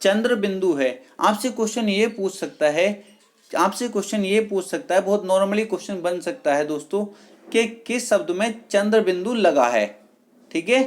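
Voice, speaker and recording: A teacher giving an online exam-prep lesson, repeating key words slowly and checking with the class whether it is clear. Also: medium pitch, animated. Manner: addresses viewers as friends, patient and repetitive.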